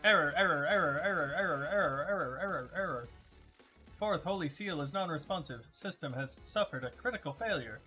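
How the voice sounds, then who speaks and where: A man's voice: fairly high pitch, lively intonation, brisk, bright, forceful tone, soft background music. A man voicing a malfunctioning computer system in stiff, robotic tones, breaking into repeated error calls. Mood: robotic, glitching. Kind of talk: reading game text aloud while playing.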